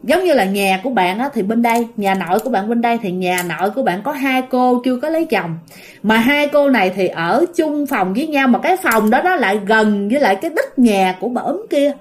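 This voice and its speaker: A woman tells a ghost story as if chatting with friends, speaking right to her listeners. Her voice sits a bit high and swings up and down in pitch, getting lively at the scary parts. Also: a little fast. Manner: chatty, addresses listeners directly, animated when telling scary parts. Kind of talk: casual spoken storytelling.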